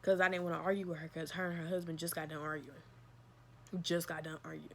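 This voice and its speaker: Young woman, storytime vlogger, lowish voice, blunt and emphatic. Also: little pitch movement, fast talker, slight background noise. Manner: candid, emphatic retelling with slang and swearing. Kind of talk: storytime vlog.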